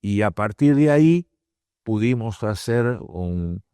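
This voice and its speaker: An older man, a guest telling a long personal anecdote and acting out the quoted dialogue between pauses. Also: on the low side, lively intonation, mellow, clean tone, dry recording. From Argentina. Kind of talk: reflective anecdote storytelling.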